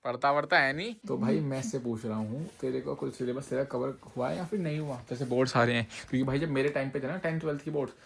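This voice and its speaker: A man's voice: mid-range voice, fast talker, vocal fry, few pauses. A young man filming a casual family vlog at home, teasing and scolding his younger brother on a phone camera. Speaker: family vlogger.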